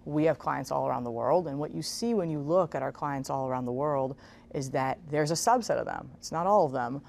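A woman in her thirties, born in Israel, giving measured, explanatory answers as a guest in a TV interview, with casual fillers, on a lapel mic in a bright room. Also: extremely low pitch, creaky, slight background noise. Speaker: guest, investment executive. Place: large bright room with garden windows.

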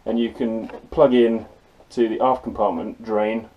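On a close-up handheld action camera, a sailor in his forties shows off a small yacht's cramped cabin, his lowish voice measured and fairly even as he casually, practically explains things with many ums. The lo-fi audio carries handling clicks and noise from the camera mic.

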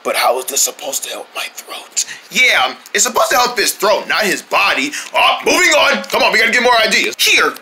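One performer voices every character in a homemade paper puppet skit, jumping between squeaky and low put-on voices with plenty of shouting and crying. The delivery is brisk with big pitch swings and hardly any pauses, over a little hiss or hum.

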